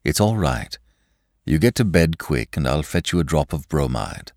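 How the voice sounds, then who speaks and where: A man voicing a calm, loyal manservant who soothes his master in a low, steady voice. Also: normal speed, no room sound, clean studio sound. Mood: soothing.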